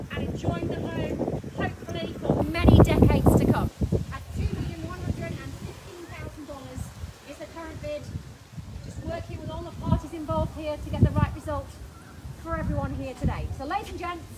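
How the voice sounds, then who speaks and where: A woman in her thirties calling a live house auction outdoors with upbeat, persuasive patter, often repeating the current bid. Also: very high voice. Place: outdoors on a suburban street in front of a house. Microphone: far camera. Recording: loud street noise, distant camera audio.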